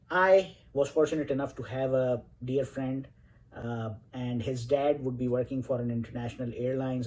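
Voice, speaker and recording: A man's voice: medium pitch, dark tone, rough recording. A man in his forties from Saudi Arabia, showing his comic collection in an enthusiastic, rambling way with many fillers. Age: 40s. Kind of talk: casual collection showcase.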